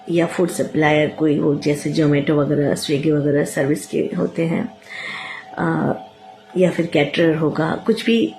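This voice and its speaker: एक महिला वीडियो में कैमरे से सीधे बात कर रही है, भावुक और परेशान है, और बार-बार अटककर, 'अ' कहकर और शब्द दोहराते हुए बोलती है।. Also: female voice, low-pitched, darkish tone. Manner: hesitant, many fillers and restarts. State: upset and emotional. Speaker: vlogger. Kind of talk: emotional talk to camera. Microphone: phone or camera facing her.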